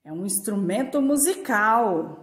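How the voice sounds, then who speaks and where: Her voice is mid-range and expressive as this Brazilian woman, with a Brazilian Portuguese accent, teaches young kids, lengthening her syllables in a slow, lilting sing-song. The recording has an echoey room sound.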